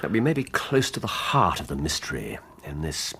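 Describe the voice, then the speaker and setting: An English actor playing Sherlock Holmes in a radio drama, a shrewd, intense detective with a precise, theatrical way of talking. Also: male voice, a bass voice, big pitch swings, normal speed, fairly bright tone, breathy edge, exaggerated voice. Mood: brooding, intent.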